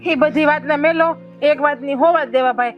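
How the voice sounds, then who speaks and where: An actress playing a stubborn, emotional village sister-in-law. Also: female voice, high voice, fairly even intonation, fairly quick, lo-fi sound, faint music behind, natural voice. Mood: bossy. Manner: emotional, pleading then bossy. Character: rural sister-in-law, stubborn, weepy, scolding.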